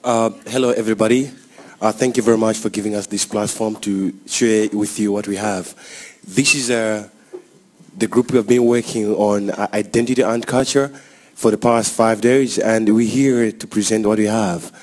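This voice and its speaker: A man in his twenties with a South African accent, giving an earnest, passionate talk to a panel with halting restarts. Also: on the low side, steady tone, a little mellow. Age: 20s. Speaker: youth presenter. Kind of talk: speech to a panel.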